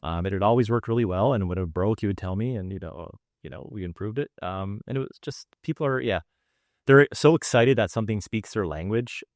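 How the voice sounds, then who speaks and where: A man co-hosting a podcast, telling a relaxed story full of fillers. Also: on the low side, brisk, no echo, studio quality. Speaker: podcast co-host. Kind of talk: casual storytelling.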